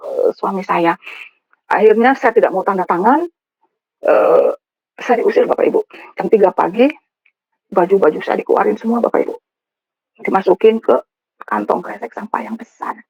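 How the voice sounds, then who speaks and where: A woman's voice: mid-range voice, a little fast, gravelly, no room sound. A woman from West Java giving an emotional personal testimony to a congregation, often turning to address the listeners directly. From West Java (Sundanese). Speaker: church testimony speaker. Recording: dull, dry recording.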